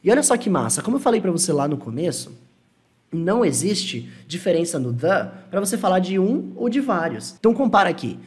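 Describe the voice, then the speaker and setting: A man with a Brazilian Portuguese accent teaching an English lesson, explaining patiently and slowing down to model English phrases. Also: sits high, very animated. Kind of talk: online language lesson.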